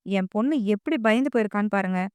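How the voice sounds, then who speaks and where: A woman voicing a furious middle-aged mother who hurls sharp, shouting accusations at her family in an audio drama reading. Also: medium pitch, fast talker, smooth, dry recording, close to an everyday voice.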